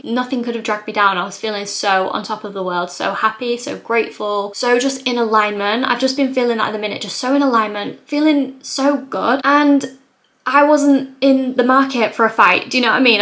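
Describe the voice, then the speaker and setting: A woman's voice: fairly high pitch, pushed and bright. A young woman in her twenties telling a personal story to camera, chatty and earnest, saying "like" a lot. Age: 20s. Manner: chatty, heavy use of "like", lots of repetition; emotional, earnest retelling. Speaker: vlogger. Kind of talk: casual confessional storytime.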